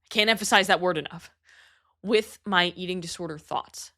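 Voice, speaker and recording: A woman's voice: on the low side, normal speed, a bit bright. Woman, young adult, podcast host, motivational monologue, blunt, emphatic, swears. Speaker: podcast host and fitness coach.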